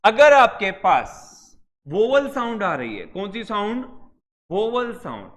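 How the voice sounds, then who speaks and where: A man's voice: high voice, sing-song, takes it slowly, a bit bright. A man teaching a class in a coaching center, asking and answering his own questions as he explains. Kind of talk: classroom lecture. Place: classroom with students.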